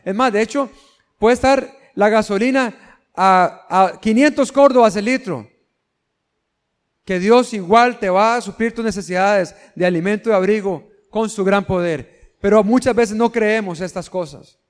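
Male preacher, high voice, earnest and emphatic sermon. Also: a little slow, clean tone, long reverb tail. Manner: earnest, building to emphatic peaks, addresses listeners directly.

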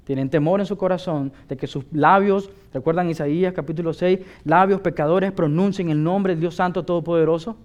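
Male pastor with a high-pitched voice, preaching an emphatic sermon. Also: steady tone, brisk, few pauses, dull audio. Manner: emphatic, asks listeners rhetorical questions.

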